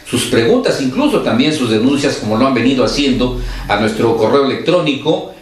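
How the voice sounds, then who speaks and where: A man, hosting a talk show in a conversational way, often pausing and searching for words. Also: medium pitch. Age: 60s. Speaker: host. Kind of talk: radio-style talk show chat. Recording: very echoey room with faint noise.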